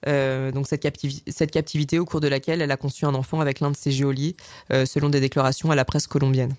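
A man's voice: medium pitch, flat delivery, fast, darkish tone, dry recording. A man presenting film trailers on a radio show, speaking in a hesitant way with frequent filler sounds and restarts.

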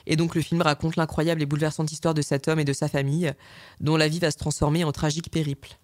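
A man's voice: on the high side, flat delivery, fast, darkish tone, dry recording, studio quality. A man presenting film trailers on a radio show, speaking in a hesitant way with frequent filler sounds and restarts.

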